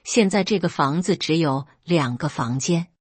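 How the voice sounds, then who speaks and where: Woman narrator for a first-person story read-aloud, husky lowish voice, lively delivery, dry close recording. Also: normal speed, no echo. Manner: lively storytelling, briefly voicing characters.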